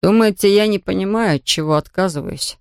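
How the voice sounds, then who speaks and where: A reader voicing a bedridden orphan boy in an audiobook, speaking quietly, firmly and gloomily. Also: medium pitch, a little fast, clear, resonant tone, no room sound, studio quality, close to an everyday voice. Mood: stubborn sad. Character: sick orphan boy, proud and stubborn. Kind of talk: audiobook character voice.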